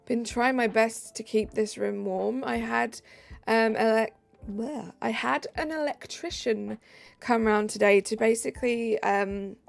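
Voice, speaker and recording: A woman from the south of England with a southern English accent is live streaming from a room at home, gaming while casually chatting with viewers. Her fairly high voice has vocal fry and a measured pace, and she reads out and answers comments between trailing fillers, with faint music playing behind her.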